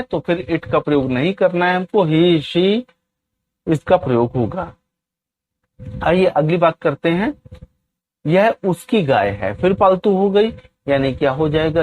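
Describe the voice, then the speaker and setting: A man teaching an English grammar lesson, often asking his viewers questions and slowly dictating example sentences. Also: fairly high pitch, darkish tone. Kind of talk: classroom-style grammar lesson.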